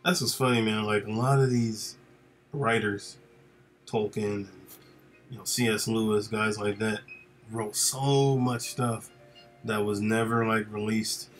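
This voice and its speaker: A man casually chatting with viewers of his live stream while he works, relaxed and rambling with lots of fillers. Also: fairly low pitch, measured pace, faint music behind.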